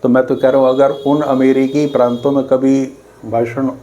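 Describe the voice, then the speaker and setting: Middle-aged male guest from Uttar Pradesh, mellow tone, measured and dryly ironic. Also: mid-range voice, flat delivery, muffled recording. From Uttar Pradesh, India. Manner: measured, dryly ironic, clears throat often. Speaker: guest commentator. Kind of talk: political discussion.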